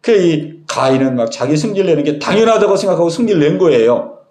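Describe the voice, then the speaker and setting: A man's voice: a little high, lively intonation, fairly quick, darkish tone. A man preaching a sermon as pastor, speaking emphatically and putting questions to the congregation. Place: church sanctuary. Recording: echoey church hall.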